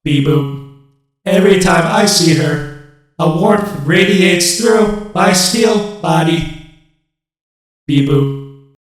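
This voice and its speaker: A man doing a slow deadpan robot voice. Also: a little high. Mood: lovestruck. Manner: monotone robot voice, says beep boop. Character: stiff male robot sidekick, formal and deadpan. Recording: echoey, loud music behind.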